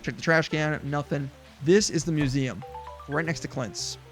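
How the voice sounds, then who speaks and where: A man's voice: fairly high pitch, moderate pace, soft background music. A man streaming a farming game, chatting casually with lots of fillers and restarts. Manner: rambling, many fillers and restarts, chuckles. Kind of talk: casual gameplay chat.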